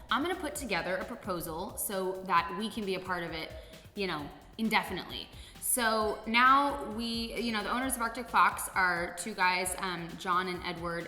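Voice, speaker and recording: A woman with a Californian accent speaks in a bright, forceful voice at a medium pitch, chatting candidly as she answers viewer questions. The room is echoey and reverberant, with music playing underneath. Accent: Californian American. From San Diego, California, USA. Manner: candid, swearing, informal. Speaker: vlog host. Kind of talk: casual Q&A chat.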